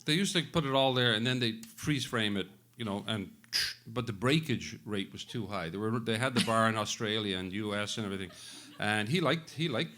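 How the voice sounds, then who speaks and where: Bright-voiced older man telling anecdotes. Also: fairly low pitch, brisk, hardly any pauses. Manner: rambling, chuckling anecdote teller. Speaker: festival director, panel guest. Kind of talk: casual storytelling at a live event. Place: live venue with audience.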